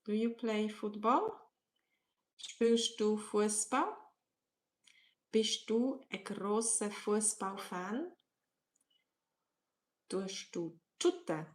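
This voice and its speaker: A middle-aged woman with a Swiss German accent, teaching on a live stream, slowly repeating questions to her viewers and switching into English. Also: mid-range voice, lively intonation. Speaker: language teacher.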